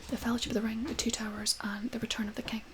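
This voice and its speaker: Female, whispered role-play as librarian: breathy, gentle, flat intonation, slightly high, light background hiss. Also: very fast. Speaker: ASMR creator playing a librarian recommending books.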